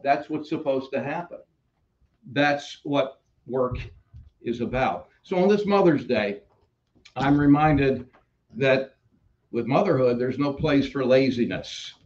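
Older new york pastor preaching, slow easygoing talk, kinda muffled church mic sound. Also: male voice, mid-range voice, expressive, a little mellow. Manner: conversational, unhurried preaching with asides. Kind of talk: sermon. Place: church sanctuary with pulpit. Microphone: stand mic at pulpit, preacher moving about.

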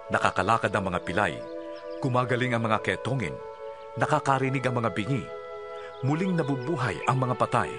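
A man voicing Jesus as a calm, authoritative teacher in an audio Bible drama, speaking in a solemn, measured way. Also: fairly low pitch, close to an everyday voice. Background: music.

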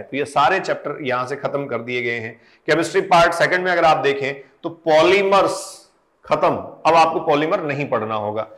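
A man's voice: fairly high pitch, a bit bright. Man with lecturing students. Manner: addresses students directly, reads out topic lists. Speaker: exam coaching educator. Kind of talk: talking students through textbook changes.

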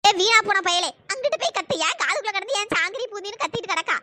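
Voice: very high voice, lively intonation, quick pace, sharp tone, no echo, full character voice. An actress voicing an irritated village woman muttering insults in a cartoon. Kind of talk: cartoon voice acting.

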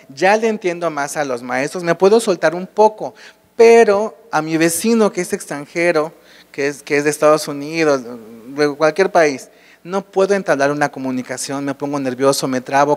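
At a state congress, a Mexican-accented man gives a conference talk to a live audience, peppering the room with rhetorical questions as he lays out his points. For a man, his voice is fairly high, and the sound fades into the long reverb of a big hall.

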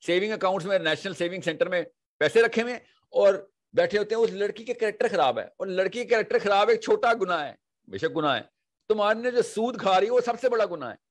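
A Pakistani religious speaker with a high voice talks fast as he lectures an audience. He tells stories with animation and keeps asking rhetorical questions.

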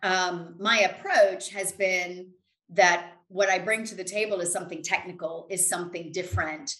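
This middle-aged American finance expert is an interview guest on a video call from a room in her home, answering in an emphatic, self-assured, conversational way. Her fairly low, fairly bright voice keeps fairly even intonation at normal speed. The audio, from a computer at desk distance, sounds roomy and echoing.

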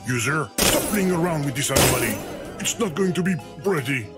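A man's voice: fairly high pitch, lively intonation, a little fast, lightly acted. A man voicing a frantic, pleading talking game. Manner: frantic, begs the player. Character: anxious male talking video game, pleading. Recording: loud game music underneath.

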